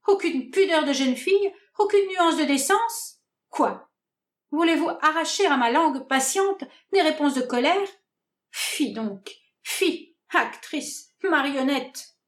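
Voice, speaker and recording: A woman's voice: high-pitched, expressive, takes it slowly. A woman voicing a timid, prim, lovesick young woman in a read-aloud stage comedy, plaintive, earnest and theatrical. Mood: indignant.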